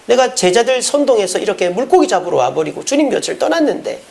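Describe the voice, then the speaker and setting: A man's voice: sits high, very animated, fast, creaky, darkish tone, voice pushed up, heavily acted. A man voicing an ashamed pleading apostle. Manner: pleading, self-reproaching.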